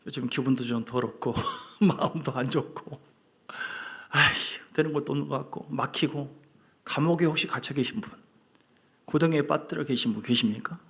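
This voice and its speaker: A male pastor preaching a sermon, talking to the congregation in a conversational way and asking them questions. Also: medium pitch. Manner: animated, acts out quarrels in a loud put-on voice.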